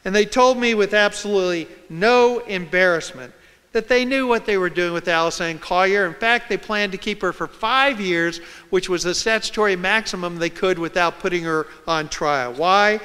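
Guy telling jail stories on stage, high bright voice, big echoey hall. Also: normal speed, clear, resonant tone. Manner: dramatic, acts out scenes and quotes. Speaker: reporter giving a public talk. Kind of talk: storytelling lecture. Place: large lecture hall. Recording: reverberant hall.

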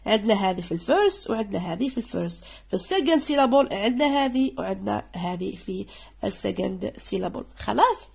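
A woman teaching English to secondary students in Algerian Arabic, going through an exam and reading out English words slowly, again and again. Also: medium pitch, expressive, gravelly, darkish tone, breathy edge. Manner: explains in dialect, reads English slowly and repeats words.

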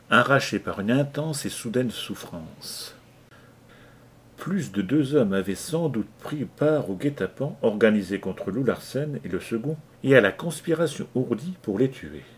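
A man narrating an adventure novel aloud in a measured, dramatic reading. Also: on the low side, a little hiss or hum. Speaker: audiobook reader. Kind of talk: scripted narration.

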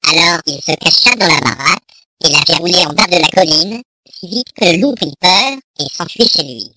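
A narrator reading a fairy tale aloud in a measured, even storytelling manner. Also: mid-range voice, background noise.

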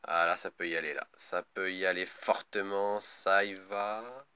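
A man's voice: deep voice, steady tone, a little slow, sharp tone, clear, resonant tone. A man commentating live on a mobile game as a raging gamer, irritable and prone to swearing. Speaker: gaming video host.

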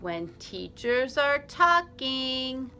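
An eager little shark boy from a picture book, voiced by a woman with a high, lively voice. He delivers his self-reminders slowly and earnestly, almost in sing-song. Soft music plays underneath. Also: heavily acted. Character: young boy shark, eager and well-meaning.

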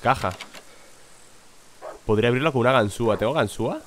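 A man's voice: mid-range voice, brisk, slight background noise. A man commentating his horror game session, jumpy and swearing, reading item names aloud. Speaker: gaming video host. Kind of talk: let's play commentary.

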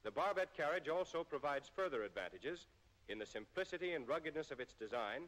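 In the formal style of a 1940s military training film, an American man speaks in measured, crisply enunciated sentences, his slightly high, a bit bright voice carrying lively intonation. The old soundtrack trails off in long reverb.

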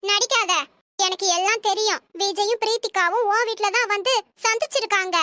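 A woman's voice: very high voice, fairly even intonation, moderate pace, pushed and bright, no room sound. A woman voicing a harsh middle-aged mother-in-law in a cartoon, scolding and accusing.

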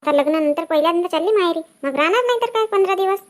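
A woman playing a sharp-tongued village woman who quarrels and talks back fast in a comedy sketch. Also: extremely high pitch, animated, no room sound. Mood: chatty. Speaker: sketch actress.

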